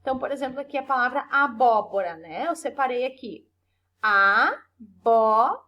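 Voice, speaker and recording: A woman teacher records a lesson for children, her voice high and clear. She explains patiently, stretching example words to stress their syllables and ending points with short tag questions. The delivery is gentle and methodical. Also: lively intonation, quick pace, highs cut off. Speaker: primary school teacher. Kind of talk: recorded remote class for children.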